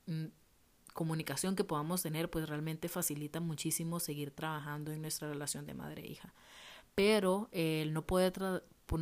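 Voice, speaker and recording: A woman's voice: low-pitched, a little mellow. A young woman with a Costa Rican accent, hosting a casual solo podcast from home and talking in a chatty way with many fillers. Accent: Costa Rican Spanish. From Costa Rica. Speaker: podcast host.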